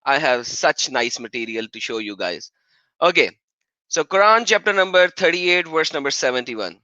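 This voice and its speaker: A man hosting a casual live stream, enthusiastic and quick to laugh. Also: on the high side, animated, pushed and bright, no echo. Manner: upbeat, enthusiastic, laughs often. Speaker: livestream host. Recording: dry, dull lo-fi stream audio.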